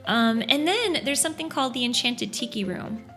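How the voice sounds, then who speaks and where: A woman's voice: fairly high pitch, expressive, brisk, pushed and bright, faint music behind. A woman co-hosting a podcast in casual chat, explaining at length with many fillers and restarts. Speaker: podcast co-host.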